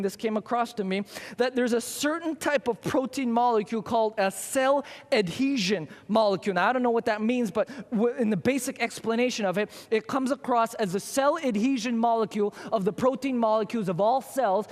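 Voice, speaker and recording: A man's voice: sits high, in a large hall. A male pastor preaching a sermon in a church, emphatic, repeating phrases and asking rhetorical questions. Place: church sanctuary.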